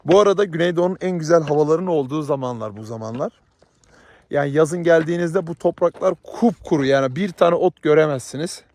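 A man's voice: a little high, fast, a little mellow, dry recording. Playful, teasing man vlogging outdoors. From Southeast Turkey. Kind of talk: casual vlog chat. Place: outdoors in a rural village with livestock.

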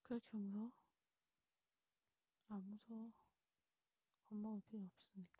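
Casting: woman as soothing Grim Reaper guide for ASMR ASMR role-play, extremely breathy, low-key and even in intonation. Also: measured pace, no echo. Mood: calm, reassuring. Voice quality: breathy, unvoiced. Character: calm, reassuring Grim Reaper guiding a soul to the afterlife. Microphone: close mic, dry.

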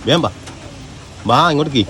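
A man's voice: on the high side, moderate pace, crowd noise. A young father, coaxing his small children in a casual family vlog and repeating the same fond words over and over. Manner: sing-song coaxing, repeats "mone" and "va" over and over. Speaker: father vlogger. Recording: music playing behind the voice.

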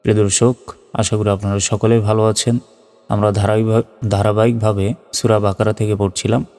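A male Quran teacher with a low, resonant voice, patiently spelling out letters and vowel marks before chanting each word in a slow, drawn-out way. His delivery stays flat and mellow, and the sound carries a long reverb with faint music underneath. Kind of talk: step-by-step recitation lesson.

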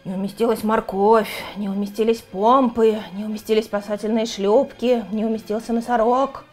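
Женщина изображает ворчливого большого носорога. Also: female voice, fairly high pitch, steady tone, normal speed, a little mellow, faint music behind, natural voice. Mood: grumbling. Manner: grumbling, mumbling. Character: big clumsy lonely rhinoceros.

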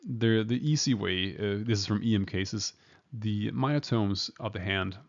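Gravelly low-voiced man lecturing. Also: measured pace. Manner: hesitant, many fillers and restarts, chuckles at himself. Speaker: emergency medicine lecturer. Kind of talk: informal medical lecture. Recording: dull lo-fi recording.

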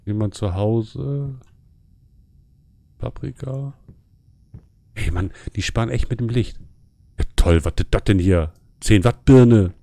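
A man's voice: lowish voice, takes it slowly, creaky, long pauses, warm tone. A man casually commenting on a horror game during a live stream, joking and chatting with his viewers.

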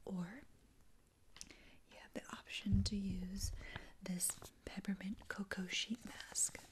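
A woman's voice: medium pitch, flat delivery, takes it slowly. Whispering young woman in a spa role-play. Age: young adult. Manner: soft-spoken, attentive, reassuring customer-service talk. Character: attentive, reassuring female spa attendant greeting a client. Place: small dim indoor room.

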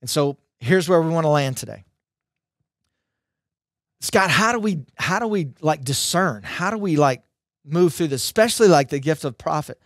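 Middle-aged male preacher, slightly high voice, conversational teaching, emphatic repeated phrases, dry close headset sound. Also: expressive, normal speed, pauses often, no echo. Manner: emphatic, punchy short phrases with repetition. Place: dark indoor studio. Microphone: headset microphone.

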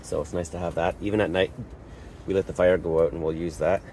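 A man from Canada giving a casual tour of his camping setup inside a hot tent, pausing often with uh and restarting sentences. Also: low-pitched, fairly even intonation, dark tone, a little hiss or hum. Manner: halting, lots of uh and restarts. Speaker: camping vlogger.

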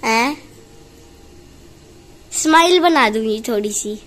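A woman's voice: a little high, expressive, slow pace, a crowd in the background. A young woman, the older sister, chatting playfully at home during a family vlog. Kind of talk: casual family talk.

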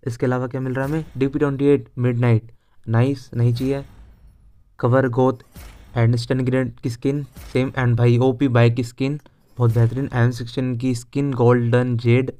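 A young man with an Indian accent hosts a game walkthrough video, giving casual, chatty commentary that mixes Hindi with English words. His voice is medium-pitched, mellow and clean.

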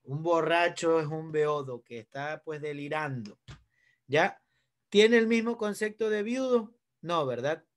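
A man's voice: on the high side, a little slow. A male teacher with an Ecuadorian accent explains vocabulary to his students and keeps asking them questions. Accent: Ecuadorian Spanish. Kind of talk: online class lesson.

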